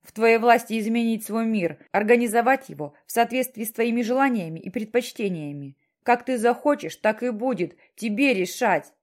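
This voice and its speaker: A woman's voice: a little high, moderate pace, hardly any pauses, lightly acted. A woman voicing a stern, mysterious voice from the sky that questions and lectures insistently.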